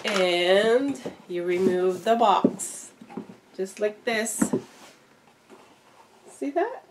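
A middle-aged woman, slightly congested as she recovers from flu, speaks in a medium-pitched, expressive voice, drawing out her words, while showing items to viewers in a casual unboxing vlog. She films in a small room at home, and background noise is audible.

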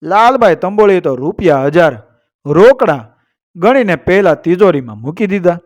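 A male storyteller, narrating a folk tale in a lively way that is full of proverbs. His voice sits slightly high for a man. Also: moderate pace.

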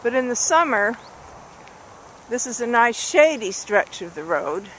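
A woman's voice: big pitch swings, unhurried, fairly bright tone. A woman narrating her walk along a rural road at dusk, thinking aloud and correcting herself as she films with a handheld camera. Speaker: hiker filming a walk. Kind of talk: casual narrated walk video. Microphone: handheld camera mic. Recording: faint outdoor noise, handheld camera. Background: distant highway traffic.

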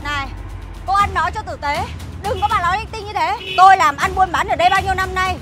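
Rude, bullying noodle shop owner. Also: female voice, very high voice, quick pace. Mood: angry. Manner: scornful, insulting, bossy. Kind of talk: web sitcom acting. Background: background music.

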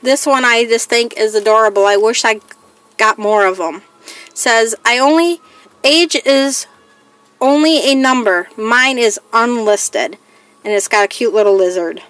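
Chatty woman with a higher voice. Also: unhurried, fairly bright tone, smooth, dry recording. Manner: chatty, reads each item aloud in a plain listing way. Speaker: crafting vlogger. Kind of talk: casual haul show-and-tell.

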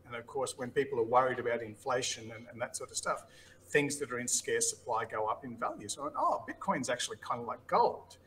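Aussie guy on a podcast, bright voice, chatty storyteller, does the voices of the people in his stories. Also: mid-range voice, quick pace, a little hiss or hum, rough recording. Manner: lively anecdotes, often acting out what others said. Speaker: podcast guest. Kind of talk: casual interview storytelling.

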